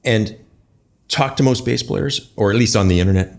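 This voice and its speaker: A man answering as a guest expert in an interview, explaining conversationally in a thoughtful, halting way with pauses. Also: fairly low pitch, vocal fry. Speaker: guest expert, bass maker.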